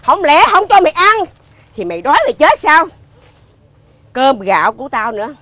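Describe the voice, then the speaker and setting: A woman with a Southern Vietnamese accent playing a shrill, nagging foster mother who scolds a lazy boy and often shouts. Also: big pitch swings, moderate pace, no room sound. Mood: lecturing. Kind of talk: comedy sketch acting.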